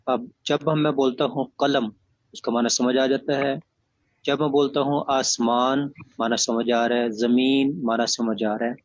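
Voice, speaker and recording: A man's voice: mid-range voice, level tone, no echo. A man teaching an online class, firm and methodical, explaining by repeating examples over dull lo-fi audio.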